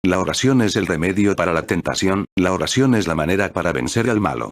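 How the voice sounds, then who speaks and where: Man, audiobook reader, very low voice, steady earnest devotional reading. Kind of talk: read aloud devotional audiobook.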